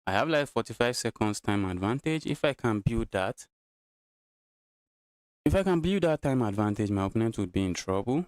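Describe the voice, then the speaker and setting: A man's voice: on the low side, lively intonation, moderate pace, a little mellow, clean tone, no echo, clean studio sound. A Nigerian man streaming live chess, thinking his moves aloud and repeating his phrases as he goes. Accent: Nigerian English.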